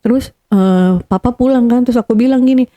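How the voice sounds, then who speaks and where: A woman's voice: a little high, brisk, dark tone. Earnest woman recounting a painful memory. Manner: earnest, re-enacts quoted dialogue, repeats for emphasis. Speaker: guest sharing a personal story. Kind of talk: emotional first-person storytelling.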